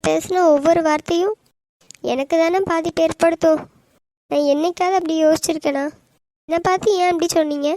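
A woman voicing a gentle, devoted young wife in a cartoon, talking in an earnest, pleading way. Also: extremely high pitch, fairly even intonation, brisk, long pauses, no echo. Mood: hurt, pleading. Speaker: voice actor. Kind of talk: animated cartoon dialogue.

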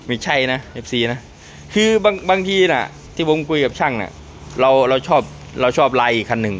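A man chatting in a casual vlog at an outdoor truck workshop. His pitch swings lively up and down as he talks and laughs, with faint noise behind him. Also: normal speed. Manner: lively, laughs often, speaks to fans. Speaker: truck owner vlogger.

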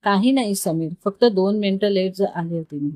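A woman's voice: medium pitch, normal speed, warm tone, no echo, lightly acted. A woman storyteller voicing a polite, apologetic young woman new at an office, in a dry, close recording.

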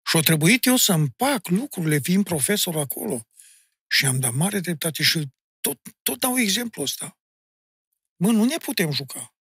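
A middle-aged man with a Maramureș Romanian accent tells stories in a casual podcast chat. He is emphatic and insistent, and his husky voice swings widely in pitch. The sound is dry and close to the mic. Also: no room sound. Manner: animated storyteller, addressing the host bluntly with "mă" and "domne". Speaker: guest, folk singer and music teacher.

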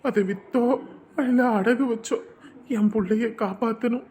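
A man's voice: very high voice, fairly even intonation, unhurried, warm tone, husky, full character voice. A worn-down village father. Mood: worried, resigned. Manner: heavy, resigned musing. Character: poor village father pawning gold to save daughter, grim. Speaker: actor. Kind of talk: village drama acting.

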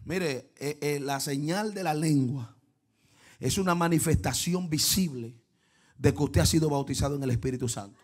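A man preaching a fervent sermon, dropping to hushed asides and then breaking into shouts while he quizzes the congregation. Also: fairly high pitch, moderate pace. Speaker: pastor. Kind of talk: lively Pentecostal sermon.

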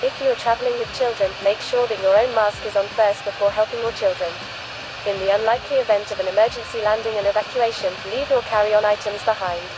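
A woman playing a polite flight attendant, giving formal, measured scripted cabin announcements in a flight simulator game. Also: medium pitch, fairly even intonation, noisy background, natural voice. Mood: formal, instructive.

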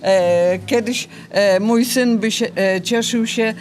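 A woman's voice: on the high side, slow pace, a little mellow, slight background noise. An old woman in her seventies speaking in a casual interview, polite but insistent, with a folksy manner. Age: 70s. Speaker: interviewee, retired grandmother.

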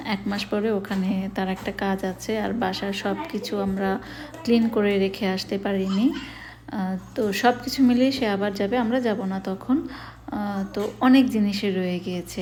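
A woman talks through her family's move in an easy, chatty way, often filling pauses with "ah". Her voice sits at an ordinary middle pitch. It bounces back from bare walls in an empty, unfurnished room, with a faint hiss underneath. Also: a little mellow. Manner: chatty and plain-spoken, with many "ah" fillers. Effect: echo from a bare, empty room. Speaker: vlogger narrating her move. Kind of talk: casual home voice-over narration. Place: empty unfurnished rented house indoors.

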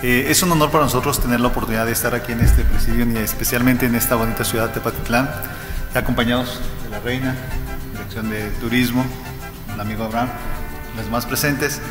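Middle-aged man, Mexican accent, unhurried press-conference presenter, echoey room with long reverb. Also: medium pitch, music in the background. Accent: Mexican Spanish. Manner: unhurried, steady, with frequent fillers. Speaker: business owner presenting an event. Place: municipal meeting room, indoors. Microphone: table microphone.

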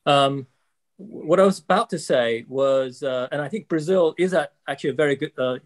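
A man in his sixties speaking as a panelist on a video call, measured and polite, with many fillers. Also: a little high. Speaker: panelist, central bank economist. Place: office with logo backdrop.

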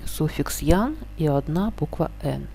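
Woman, lower pitch, mellow tone, teacher, slow careful explanation of spelling rules. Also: lively intonation, gravelly, a little hiss or hum. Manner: explains rules slowly, stretching example words. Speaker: language teacher. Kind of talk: spelling lesson.

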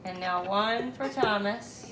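A mother in her thirties speaks slowly in a mid-range voice, guiding young kids through steps with encouragement and frequent questions to check on them. She is indoors in a home kitchen or dining room. The recording has echo and clear background noise.

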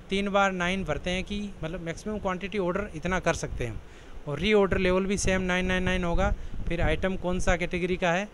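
A man with a slightly high voice walks through a computer program option by option, in a plain, explanatory way. A faint hum of background noise sits under his voice. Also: rough recording. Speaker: software tutorial presenter. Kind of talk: step-by-step screen walkthrough.

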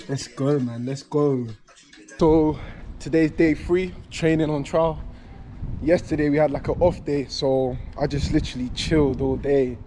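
A man's voice: mid-range voice, warm tone. A young man talking casually to camera in a vlog, laid-back, using lots of slang. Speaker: vlogger, professional footballer.

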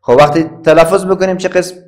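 A man with an Afghan Dari accent teaching a Quran class, spelling out letters and vowels slowly and chanting the verses. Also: sits high, steady tone, a little mellow. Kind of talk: classroom recitation lesson.

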